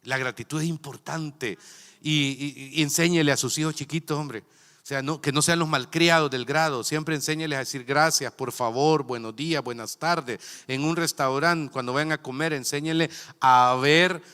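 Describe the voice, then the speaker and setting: A man's voice: fairly high pitch, normal speed, bright, forceful tone, clear, resonant tone. A middle-aged Salvadoran man preaching a sermon as pastor, in a folksy, conversational way full of asides and rhetorical questions, recorded in a church sanctuary. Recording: long reverb of a large church hall.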